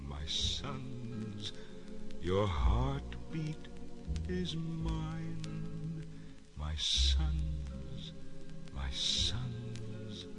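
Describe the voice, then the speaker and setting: An actor playing a warm older ranch father, singing earnestly to his sons and talking fondly with them. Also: mid-range voice. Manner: slow, earnest singing; fond speaking. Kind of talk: old-time western musical episode.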